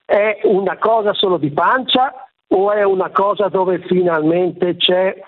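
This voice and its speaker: A man's voice: sits high, unhurried. A man calling in to a radio show over the phone, chatting casually, full of hesitations and restarts, playfully challenging the hosts. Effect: heard over the phone. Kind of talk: casual call-in chat. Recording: tinny phone line.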